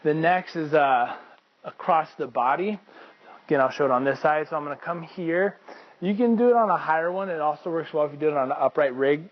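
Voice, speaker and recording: A man's voice: a little high, fairly quick, highs cut off. Man coaching banded shoulder stretches. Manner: casual, explains while demonstrating stretches. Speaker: fitness coach. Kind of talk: instructional demonstration.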